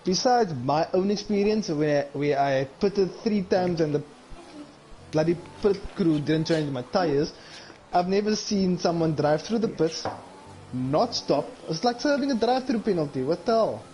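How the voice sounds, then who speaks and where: High-pitched, animated man on a noisy mic. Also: unhurried. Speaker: esports race co-commentator. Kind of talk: casual live stream chat.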